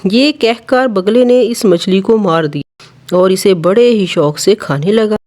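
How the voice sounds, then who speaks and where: A children's storyteller narrating a bedtime animal tale. The delivery is steady and expressive, at an ordinary pitch. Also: measured pace.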